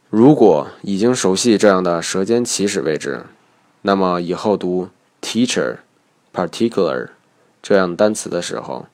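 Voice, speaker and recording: A man with a very low, deep voice narrates a scripted pronunciation lesson. He explains each point slowly and methodically, like a patient teacher. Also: darkish tone.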